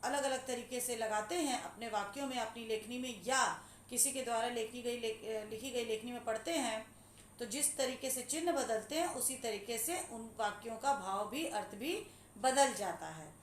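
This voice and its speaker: A woman teaching a grammar class in a fairly high voice, reading each example slowly before she explains it. She keeps checking that her students understand. The sound is roomy and echoey, with a faint hum behind her. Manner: patient, checks understanding with questions; reads examples aloud slowly, then explains.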